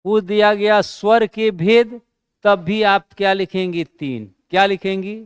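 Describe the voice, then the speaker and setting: A man teaching a classroom lesson, asking rhetorical questions and answering them himself, slowing down to stress key terms. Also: sits high, smooth, no room sound, clean studio sound.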